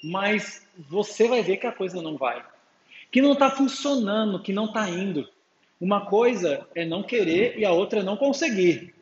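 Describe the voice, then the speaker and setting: A man's voice: sits high, lively intonation, moderate pace. A man preaching a sermon to a congregation, calling for amens and acting out talks with his little daughter. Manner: calls out to the congregation with frequent amens; acts out dialogues with his daughter. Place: church hall with an audience. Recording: echoey hall, dull sound, faint hum.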